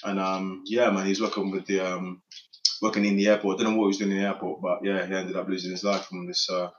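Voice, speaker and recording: A young man chats quickly. He is slangy and emphatic, circling back over his phrases. The recording is echoey and a little muffled. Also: sits low, flat delivery, slight background noise. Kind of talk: casual group chat. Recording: echoey room, slightly muffled.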